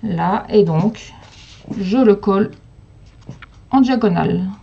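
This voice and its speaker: This woman speaks slowly in a mid-range voice that is gravelly, dark, and slightly rough, captured with dull audio. As host of a live crafting stream at home, she chats with viewers while working, responding to comments and addressing her dog.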